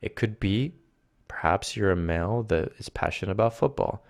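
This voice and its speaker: Deep-voiced Argentine-born man, soft and earnest. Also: lively intonation, normal speed, vocal fry. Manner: soft, earnest, gently encouraging. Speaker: guest, spiritual mentor. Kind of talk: reflective conversation.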